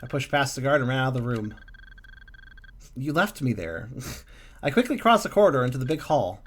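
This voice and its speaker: A man reading a text game aloud with a calm, musing delivery and small slips and asides. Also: medium pitch, fast talker.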